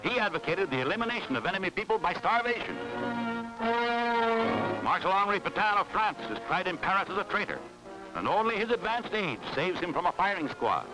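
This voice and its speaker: A man's voice: high-pitched, big pitch swings, fairly quick, music in the background, low-quality recording. A man narrating a 1940s newsreel in an emphatic, dramatic announcing manner.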